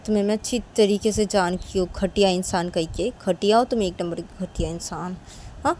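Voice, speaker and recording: A woman's voice: mid-range voice, a little fast, slight background noise, close to an everyday voice. A woman voicing an angry young woman who scolds and insists she is not in love. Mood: scolding. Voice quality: sharp, scolding, repeats "chup ho jao".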